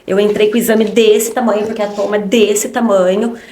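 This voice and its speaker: A woman's voice: mid-range voice, little pitch movement, brisk, mellow, a little hiss or hum. A woman, in a mid-range voice, gives a personal testimony as a podcast guest. She speaks in short, broken phrases and keeps adding little tag questions. The room around her rings with a noticeable echo. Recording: roomy echo.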